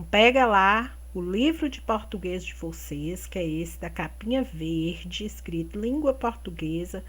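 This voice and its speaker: A woman teacher giving a remote lesson to young children, speaking slowly and clearly, stretching out words and checking in with tag questions. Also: medium pitch. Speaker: primary school teacher.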